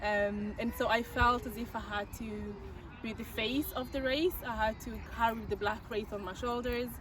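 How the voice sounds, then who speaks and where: A woman's voice: on the high side, fairly even intonation, moderate pace. A woman talking conversationally in an earnest, reflective way. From Ireland. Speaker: community network co-founder. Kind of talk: conversational personal talk. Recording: noisy outdoor urban recording, distant mic.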